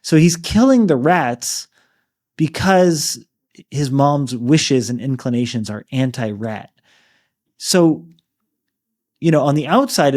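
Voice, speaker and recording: A man co-hosting a book discussion, talking in a relaxed, rambling way with frequent fillers and easy laughter. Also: fairly high pitch. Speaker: book podcast co-host.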